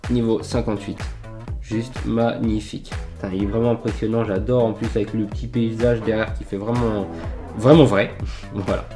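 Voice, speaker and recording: A man talks in a casual collector vlog, upbeat and full of fillers as he shows off his flea-market finds. His voice sits in a middle pitch, recorded close on a desk mic in an indoor room under filming lamps. Faint music plays underneath. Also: darkish tone. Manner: enthusiastic, many fillers and "voilà". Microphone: desk microphone near camera.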